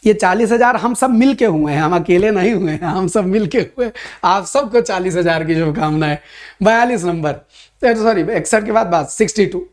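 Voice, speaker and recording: A man teaching a Hindi grammar class for an exam, lively and playful, reading out comments and answering them. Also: sits high, normal speed. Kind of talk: online exam-prep class.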